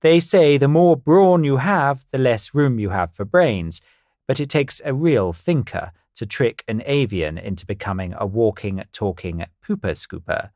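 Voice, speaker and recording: A man narrating a storybook in the first person, wry and dry in manner. His pitch moves in a lively way. The recording is close and dry. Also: unhurried, no echo.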